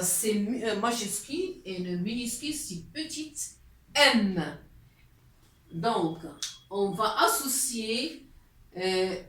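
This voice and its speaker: Woman teacher for a beginner lesson; unhurried, repetitive delivery, slightly high, roomy echo. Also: a bit bright. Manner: patient, repetitive, hesitant with fillers. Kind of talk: classroom lesson explaining letters. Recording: echoey room.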